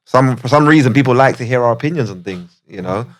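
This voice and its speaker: A podcast host chats casually and cracks jokes before reading out a letter from a listener. He's relaxed and laughs easily, speaking quickly in a mid-range voice.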